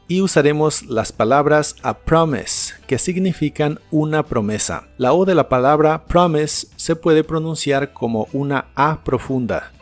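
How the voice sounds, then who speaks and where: Slow, careful male English teacher. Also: on the high side, a little mellow. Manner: slow, careful drills, repeats English words twice. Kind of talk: scripted lesson narration.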